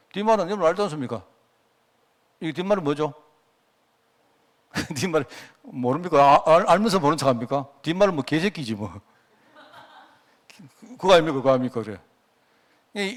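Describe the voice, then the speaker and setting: A male pastor with a Gyeongsang accent preaching a sermon in a conversational way, often asking the congregation questions. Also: fairly high pitch. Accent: Gyeongsang Korean.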